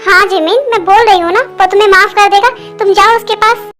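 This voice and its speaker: A woman's voice: very high-pitched, steady tone, fairly quick, over music. A woman voicing a caring mother comforting her daughter-in-law in a Hindi fan dub, soothing and reassuring.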